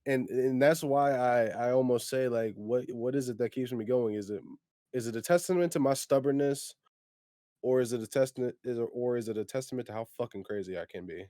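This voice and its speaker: A man's voice: medium pitch, a little fast, warm tone, dry recording, studio quality. A man in his twenties co-hosting a podcast in casual chat, speaking in a candid, reflective way. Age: 20s. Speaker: podcast co-host.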